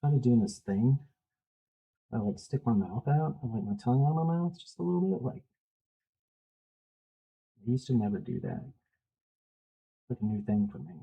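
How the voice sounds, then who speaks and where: A man's voice: mid-range voice, animated, moderate pace, gravelly, long pauses, breathy edge, lo-fi sound. A man tattooing while he talks, mumbling casually with wry, sarcastic asides. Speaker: tattoo artist. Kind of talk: casual talk while working. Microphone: stand mic set for standing.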